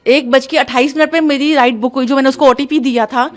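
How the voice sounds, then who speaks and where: A woman's voice: sits high, fairly even intonation, fast talker. A woman giving an emotional first-hand account to a reporter, urgent and agitated as she tells it. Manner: urgent, agitated, talks straight on. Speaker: interviewee recounting an incident.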